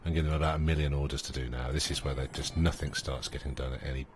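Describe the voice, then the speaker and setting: A gaming channel host with an extremely low pitch talks very fast over a noisy background, his intonation fairly even. In casual let's play commentary he thinks aloud with many fillers and sometimes speaks to the tiny characters in his game.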